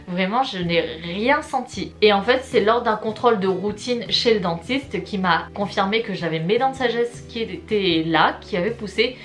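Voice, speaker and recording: Chatty woman vlogger telling a story. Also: medium pitch. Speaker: YouTube vlogger. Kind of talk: story time vlog, casual chat to viewers.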